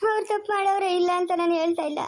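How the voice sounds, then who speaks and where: A poor, older village woman with a rural Chikkaballapur Kannada accent begs for help through tears, as an actress plays her in an amateur family drama. Her voice is high and her words come quickly. She pleads in a tearful, broken way. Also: steady tone, faint music behind. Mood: pleading. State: crying.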